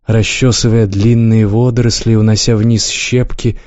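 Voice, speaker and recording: Male narrator, low and warm, calm measured read; dull lo-fi, dry recording. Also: no echo. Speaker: audiobook narrator. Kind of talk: scripted narration.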